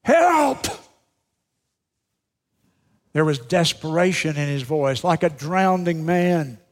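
A middle-aged male pastor preaching a sermon, swinging between loud, emphatic lines and hushed, slowed-down phrases. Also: a little high. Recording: long reverb of a large hall.

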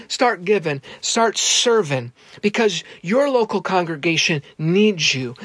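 Earnest pastor preaching with slow emphasis. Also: male voice, sits high, no room sound. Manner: earnest and emphatic, with deliberate slowed-down stresses; repeats phrases for emphasis. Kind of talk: sermon.

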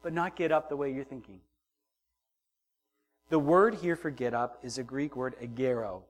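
A middle-aged man preaching a sermon, moving from hushed, quiet passages to loud, emphatic ones and acting out the voices in the story. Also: medium pitch, fairly even intonation, normal speed. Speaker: pastor.

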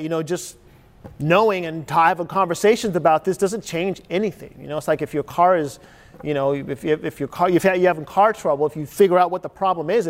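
Man, 40s, raised in Chile, pastor, earnest conversational sermon, ringing hall echo. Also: a little high. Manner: earnest, searching, conversational preaching with many rhetorical questions.

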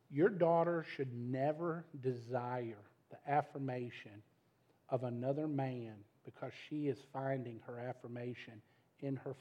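A man's voice: mid-range voice, warm tone. A middle-aged man preaching a sermon as pastor, speaking emphatically and directly to his congregation.

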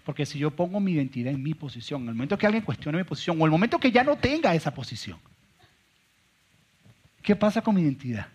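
A man preaches with a fairly high voice, pressing his points with rhetorical questions. He swings between loud, ringing lines and quiet, sinking endings. The sound is muffled and lo-fi. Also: big pitch swings, fast talker, breathy edge. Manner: emphatic, rhetorical questions, wide swings in loudness. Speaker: pastor. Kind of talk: sermon. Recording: dull lo-fi recording.

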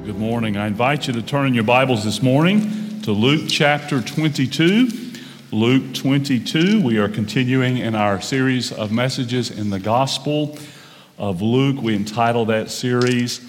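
A pastor preaching a sermon at a pulpit microphone in a church sanctuary, speaking in a measured way, slowing down on key phrases and often saying "uh" and "um". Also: male voice, medium pitch, faint music behind. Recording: long church hall reverb.

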